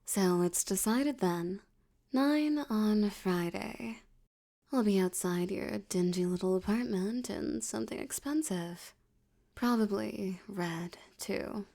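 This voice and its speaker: A woman playing a flirtatious, domineering mafia boss in an ASMR roleplay, teasing and condescending, with a breathy voice that slips toward whispers. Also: medium pitch, darkish tone. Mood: seductive, commanding. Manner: teasing, seductive, condescending, drawn-out delivery.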